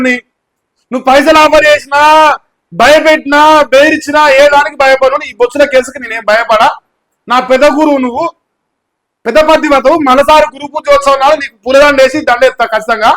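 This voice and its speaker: Very high-pitched, furious Telangana man. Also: low-quality recording. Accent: Telangana Telugu. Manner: heated, abusive, shouting insults. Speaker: YouTube news channel journalist. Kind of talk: angry political rant.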